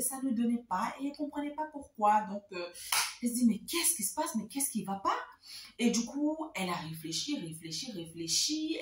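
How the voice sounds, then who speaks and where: A woman's voice: a little high, far from the mic. Chatty woman host in an echoey room. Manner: chatty, lively, repeats words for emphasis. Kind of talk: casual storytelling to camera.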